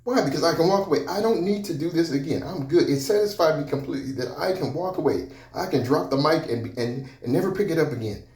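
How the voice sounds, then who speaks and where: A man tells personal stories in a motivational talk, his voice a little high for a man yet mellow in tone. He speaks conversationally and circles back to repeat key phrases. The sound rings around an echoey room. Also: animated, fast, hardly any pauses. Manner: conversational, repetitive storytelling with restarts.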